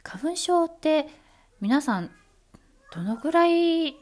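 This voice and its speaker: A woman's voice: high-pitched, expressive, slow, a little mellow. A woman who works as an announcer, hosting her own solo talk episode in a chatty, playful way full of fillers and asides. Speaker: announcer and podcast host.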